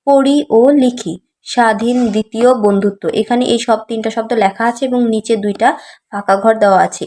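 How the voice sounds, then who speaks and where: A woman's voice: a little high, darkish tone. Patient woman teacher spelling aloud. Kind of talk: reading lesson for young children.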